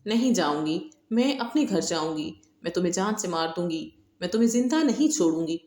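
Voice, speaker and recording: A woman voicing a distraught young woman who shouts and accuses in an audiobook novel reading. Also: fairly low pitch, lively intonation, roomy sound, close to an everyday voice. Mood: anguished, furious.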